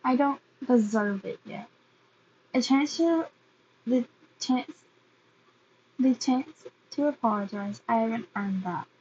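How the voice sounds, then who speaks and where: A gruff, hot-tempered teenage boy, read by a woman in an amateur fan fiction reading. The voice sits fairly high and moves slowly, often stopping to restart a phrase. The recording is a little dull, with a faint hiss behind it. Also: darkish tone. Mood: earnest.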